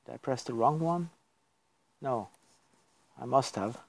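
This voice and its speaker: Rambling and laughing frequently, a man from Norway chats casually at his computer during a live stream; Norwegian is his first language. He speaks at a medium pitch and measured pace in a gravelly voice.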